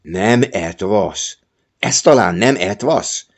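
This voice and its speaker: A man's voice: on the low side, expressive. A man voicing an earnest eight-year-old boy who pleads almost in tears, in an audiobook reading. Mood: pleading.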